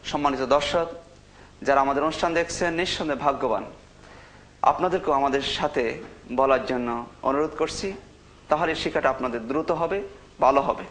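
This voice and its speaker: A man with a Bangladeshi Bengali accent teaching a Quran recitation lesson, patiently quizzing his students and chanting verses slowly. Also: mid-range voice, fairly bright tone, slight background noise.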